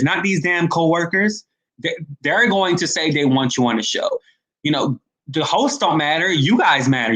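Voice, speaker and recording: Blunt rambling man, higher voice. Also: a bit bright, poor audio. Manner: blunt, rambling, addresses viewers directly. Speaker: commentary host. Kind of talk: casual opinion commentary.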